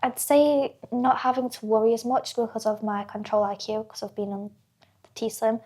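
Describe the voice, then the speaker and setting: A woman's voice: fairly high pitch, level tone, normal speed, mellow, slightly rough. A teenage girl, a guest telling her stories in casual chat and acting out what people said. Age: teens. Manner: chatty storyteller, acts out quotes, laughs often.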